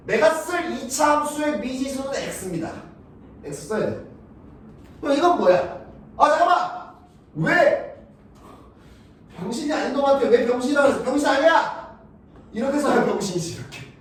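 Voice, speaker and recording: A man's voice: very high voice, distant mic, a little hiss or hum. Blunt, profane male math teacher, echoey classroom. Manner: blunt, crude and profane, keeps checking if students follow.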